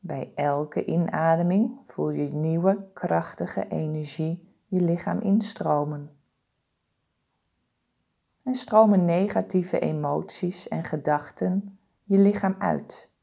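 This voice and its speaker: A woman leading a guided body-scan meditation, giving calm, soothing, deliberate instructions with pauses. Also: lowish voice, gravelly.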